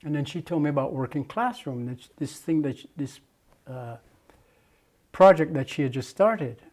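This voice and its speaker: A man's voice: on the high side, lively intonation, moderate pace, a little mellow. An older man from Jamaica, a muralist, recalling his past at length in an oral history interview, with many restarts and fillers.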